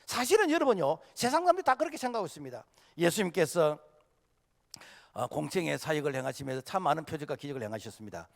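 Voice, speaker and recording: A male senior pastor preaching a sermon, impassioned, full of filler "uh"s, swinging between loud outbursts and hushed passages. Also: on the high side, big pitch swings, fast talker, creaky. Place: church sanctuary. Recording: long hall reverb of a church sanctuary.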